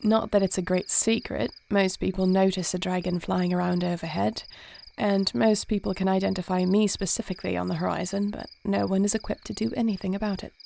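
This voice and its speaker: A woman acting as a dragon-shifter warrior princess, formal, gentle, even intonation, creaky edge, intimate audio roleplay. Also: medium pitch, slight background noise. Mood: relaxed, wry. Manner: formal, measured speech.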